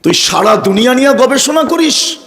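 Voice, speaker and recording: A man's voice: very high-pitched, lively intonation, normal speed, gravelly, a bit bright. A man preaching a sermon, fervent and full of rhetorical questions put straight to his listeners. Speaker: Islamic preacher. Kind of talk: sermon to a live audience.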